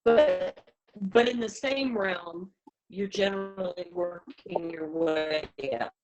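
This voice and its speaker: A woman on a video call with a poor connection, asking questions in a halting way that repeats words. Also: medium pitch, a little mellow, lo-fi sound, faint music behind.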